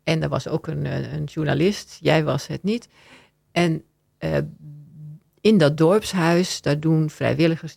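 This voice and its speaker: A woman's voice: low-pitched, creaky, no echo, clean studio sound. A woman working as a confidential adviser, giving a radio interview and explaining an example with hesitant restarts. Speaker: confidential adviser on workplace conduct.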